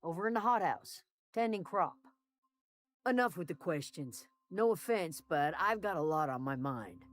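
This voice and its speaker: An actress voices a guarded woman watching over a camp in a video game. Her voice sits slightly low and swings widely in pitch. She speaks bluntly, in folksy phrases, with worry underneath. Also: lively intonation, normal speed, natural voice. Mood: guarded, curt.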